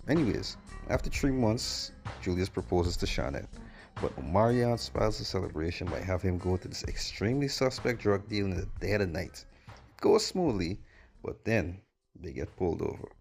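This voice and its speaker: A man's voice: deep voice, expressive, normal speed, darkish tone, faint music behind. A man narrating a sarcastic movie review in a blunt, mocking, slangy way.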